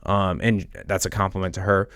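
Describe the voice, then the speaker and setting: A young man casually talking politics with his brother, animated and nerdy with joking asides. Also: sits low, clear, resonant tone, dry recording, studio quality. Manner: animated, self-described nerd, quick jokey asides. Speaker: podcast co-host.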